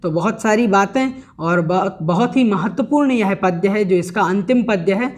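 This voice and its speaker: A man teaching an online religious lesson, explaining each word patiently and chanting Sanskrit verses slowly and carefully. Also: high voice. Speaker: teacher of a scripture study course.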